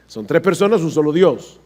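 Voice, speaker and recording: A man's voice: on the high side, a little mellow. A man preaching a sermon, emphatic, repeating himself for stress and speaking straight to his congregation. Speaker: pastor.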